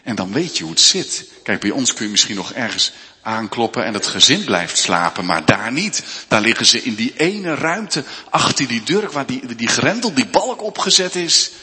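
A man preaching a sermon, telling a story in an animated way and speaking directly to his congregation. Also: mid-range voice, normal speed, long reverb tail.

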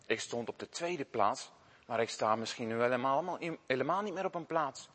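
A remorseful schoolboy, put on by a male storyteller, halting and stammering as he speaks. The voice sits a little high and rings out with a long hall reverb. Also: lively intonation, fairly bright tone, husky, heavily acted. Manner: hesitant, stammering. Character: remorseful schoolboy with a guilty conscience.

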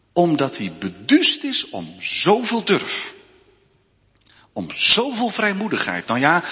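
A man preaching a sermon, telling a story in an animated way and speaking directly to his congregation. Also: mid-range voice, in a large hall.

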